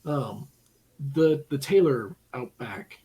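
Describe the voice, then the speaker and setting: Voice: medium pitch, lively intonation, slow, mellow, low-quality recording. A player in a tabletop game, describing actions in a plain, matter-of-fact way. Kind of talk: casual tabletop play.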